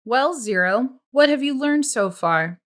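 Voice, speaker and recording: A stern woman warden , read by a female storybook narrator, coolly interrogating with sarcastic, pointed questions. Her delivery is slow and controlled. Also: high voice, expressive, fairly bright tone, voice pushed up. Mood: probing.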